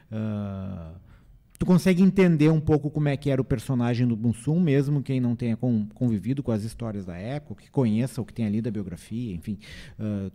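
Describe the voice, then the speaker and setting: A man giving a relaxed, hesitant film review in casual chat. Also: mid-range voice. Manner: easygoing, hesitant, many fillers. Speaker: film critic.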